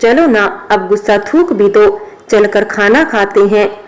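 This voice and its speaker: A woman's voice: mid-range voice, slow pace, lightly acted. Woman reading as a teasing young drunkard. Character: brash young man who drinks, gruff then teasing.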